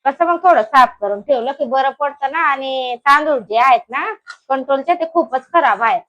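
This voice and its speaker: A young woman from Maharashtra talking casually in a home cooking vlog, coaxing and scolding her small children between soft asides to viewers. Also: sits high, moderate pace, muffled recording. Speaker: vlogger and mother.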